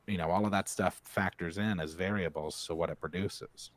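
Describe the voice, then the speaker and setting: A man's voice: low-pitched, fairly even intonation, normal speed, no echo. A man co-hosting a podcast in casual chat, rambling with lots of "like" and "you know.". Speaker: podcast co-host.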